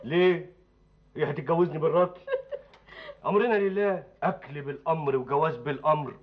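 A man's voice: fairly high pitch, close to an everyday voice. An actor playing an earnest young village man with an Egyptian accent who writes poetry and recites his verse grandly. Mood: teasing. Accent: Egyptian Arabic. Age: young adult. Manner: declaims verse slowly and grandly. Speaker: village student and aspiring poet. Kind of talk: TV drama acting. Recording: dull lo-fi TV soundtrack with music.

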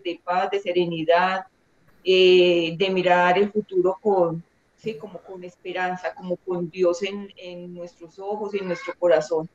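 A woman from Colombia, a poet, speaking gently and gratefully at a book launch. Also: on the low side, muffled recording. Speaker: poet and author.

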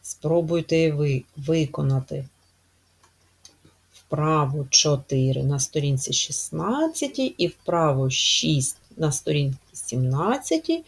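A woman teacher giving a spelling lesson to young children, speaking slowly and emphatically and stretching stressed syllables. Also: low-pitched, animated, slightly rough.

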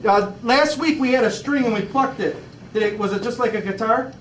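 A man's voice: very high voice, brisk, crowd noise. A man teaching physics to a class, asking lots of questions and repeating words as he demonstrates. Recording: echoey classroom, distant mic, background noise.

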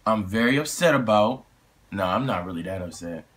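A man's voice: fairly low pitch, animated, fairly quick, fairly bright tone. A young man, chatting casually and rambling through a trailer reaction, slangy and full of fillers and restarts. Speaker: YouTube reaction host.

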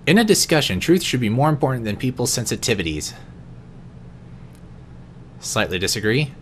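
A man reading personality quiz questions aloud in an unscripted vlog, answering each one in a quieter, lower voice with the odd stumble. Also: sing-song, moderate pace, a little hiss or hum. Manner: occasional stumbles and restarts. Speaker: vlogger.

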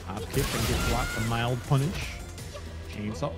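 A man's voice: mid-range voice, a little slow. A man giving casual live fighting game commentary, bantering and using slang over the match. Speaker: esports tournament commentator. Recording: music behind the voice.

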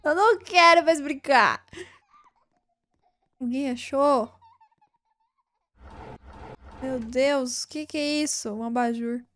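A young woman with a high voice talks through a spooky game, jumpy and nervous, breaking into squeals and laughter when something startles her. Faint rain and thunder sound behind her voice. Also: slow pace, pauses often, a bit bright. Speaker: gaming streamer. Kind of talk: casual let's-play commentary.

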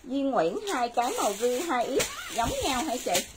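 Woman selling clothes on a live stream, quick and repetitive, a bit high, noisy audio. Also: expressive. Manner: brisk, repeats sizes and prices, addresses viewers. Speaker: livestream clothing seller.

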